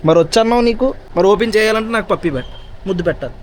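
A man's voice: high-pitched, racing. Playful man vlogging outdoors. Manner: playful teasing, chatting with a small child. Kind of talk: casual daily vlog chatter. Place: outdoors in a village, by water and fields.

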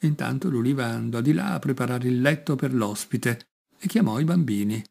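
A man reading a folk fairy tale aloud in an expressive, lively way. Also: mid-range voice, moderate pace, vocal fry. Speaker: reader. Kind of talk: storybook reading.

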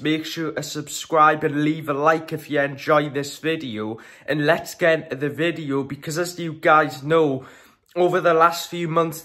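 A man's voice: on the high side, a bit bright. A teenage guy vlogging to camera at home, chatty and opinionated, with frequent ums and restarts. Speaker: football vlogger. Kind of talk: casual vlog to camera. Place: small room at home, indoors.

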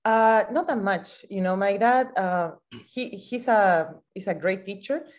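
A woman's voice: medium pitch, unhurried. A young woman, a saxophonist, talking thoughtfully in casual conversation over a video call. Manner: thoughtful, many fillers like "you know" and "like". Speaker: saxophonist and composer. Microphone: video call mic.

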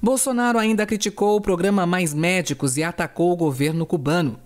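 A woman news correspondent narrating a scripted report in a steady, even delivery. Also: on the low side, fairly quick.

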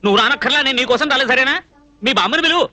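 A man's voice: extremely high pitch, pushed and bright, heavily acted. An actor playing a fussy, naive young male cook who scolds and rambles, in a dubbed film comedy. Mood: scolding. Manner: scolding, rambling, quick outbursts.

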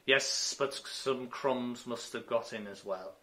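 A man's voice: mid-range voice, takes it slowly, bright, forceful tone. A man voicing a rude, eccentric male hatter in a storybook reading, snappish and contemptuous.

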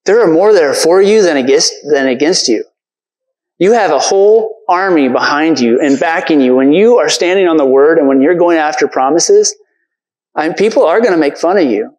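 A man's voice: on the high side, animated, normal speed, darkish tone, low-quality recording. A man preaching a casual, earnest sermon from a church stage, talking conversationally with lots of fillers.

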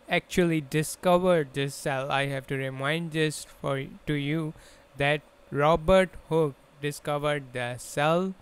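A man's voice: on the high side, fairly bright tone, smooth. A man giving an explanatory lesson as a lecturer, restating points in simple terms. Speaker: biology lecturer. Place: voice-over recorded over slides.

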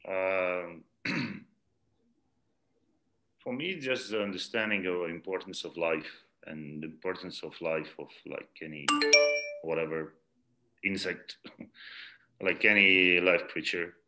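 Slow, deep-voiced man from Ukraine. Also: sharp tone. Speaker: guest. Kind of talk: casual online interview. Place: indoor room, video call. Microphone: laptop mic on video call.

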